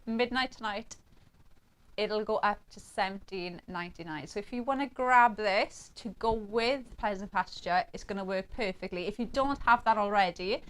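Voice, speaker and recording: A woman's voice: medium pitch, normal speed, fairly bright tone, smooth. A woman presenting craft products live on a shopping channel, chatty and cooing over how cute the designs are.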